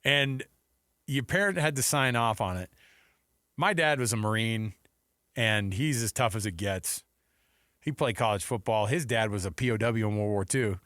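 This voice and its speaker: This time the sports radio host's voice sits on the low side at a moderate pace. The middle-aged man chats casually and tells animated, jokey stories, recorded on a close studio microphone with clean sound and no echo.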